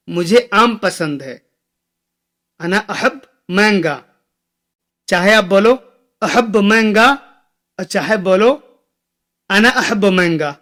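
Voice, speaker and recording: A young man with a high voice teaches phrases in a patient lesson. He says each phrase slowly and repeats it several times before he gives its meaning. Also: bright, forceful tone. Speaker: Arabic teacher. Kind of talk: explaining Arabic phrases.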